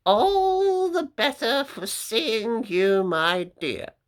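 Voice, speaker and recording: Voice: medium pitch, animated, drawn-out words, voice pushed up. A teacher voicing a sly male wolf pretending to be a grandmother, sugary and coaxing. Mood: sweetly coaxing. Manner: sugary, coaxing, menacing underneath.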